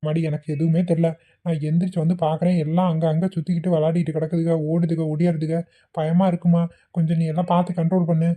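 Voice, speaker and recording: A fretful, kindly old man minds the children in this cartoon. He talks fast in a low, mellow voice and sounds flustered about the running kids. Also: little pitch movement. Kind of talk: cartoon voice acting.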